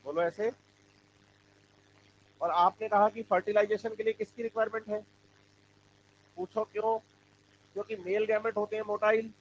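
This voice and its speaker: A man's voice: high voice, level tone, moderate pace, pauses often, lo-fi sound, a little hiss or hum. A man teaching biology to a class, quizzing students over and over and repeating the answers back to them. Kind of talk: classroom lecture with call-and-response.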